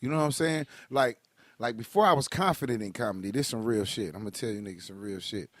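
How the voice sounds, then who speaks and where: A man co-hosting a casual podcast chat, brash and joking, breaking into high-pitched laughing bursts. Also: fast talker, no echo. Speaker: podcast co-host. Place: Ann Arbor area, Michigan.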